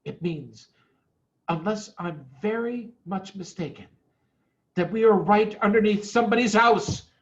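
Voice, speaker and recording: A man voicing a proud, excitable father fox from a storybook, theatrical and emphatic. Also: sits high, unhurried, pitched above the performer's own voice. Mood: cautious. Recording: dull, muffled lo-fi audio.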